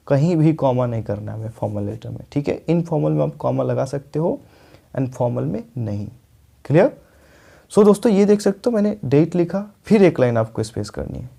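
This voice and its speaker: Gravelly-voiced Hindi-speaking English teacher. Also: male voice, a little high, mellow. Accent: Indian. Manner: explains step by step, keeps checking "ठीक है", "clear". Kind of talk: spoken English lesson.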